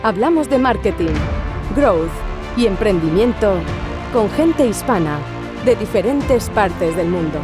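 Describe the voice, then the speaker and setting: An announcer reading a smooth, scripted podcast introduction. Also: mid-range voice, animated, unhurried, over music. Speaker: show announcer.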